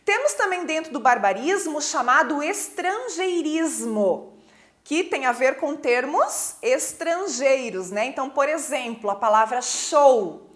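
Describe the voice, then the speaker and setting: A woman's voice: high-pitched, animated, measured pace. A woman teacher with a Brazilian Portuguese accent, giving a recorded lesson in a patient, explanatory way and often checking that students follow.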